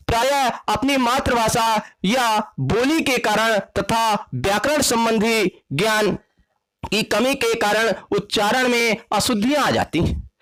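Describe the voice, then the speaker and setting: A man teaching an online grammar lesson. He repeats key points and often asks a question, then answers it slowly. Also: very high voice, a bit bright.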